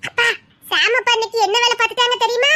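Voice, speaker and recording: A woman's voice: very high voice, fairly even intonation, pushed and bright. A woman doing a cheeky little boy. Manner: cheeky, quick, giggly.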